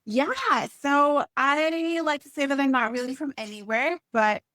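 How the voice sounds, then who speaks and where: A woman's voice: high voice, expressive, unhurried, fairly bright tone, dry recording. A young woman guest in a conversational interview, speaking earnestly with frequent "like" fillers. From born in Haiti, raised in East Africa and the US. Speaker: podcast guest.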